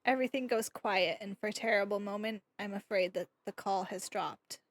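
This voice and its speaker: A woman streamer reading a visual novel aloud live, switching between expressive narration and playful jokes. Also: medium pitch, moderate pace, no room sound. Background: game music.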